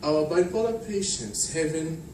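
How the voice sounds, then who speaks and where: A man from Tunisia giving an academic conference talk, measured and explanatory with frequent fillers. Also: a little high, animated, darkish tone. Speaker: conference speaker. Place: conference hall. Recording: distant, echoey hall with noise.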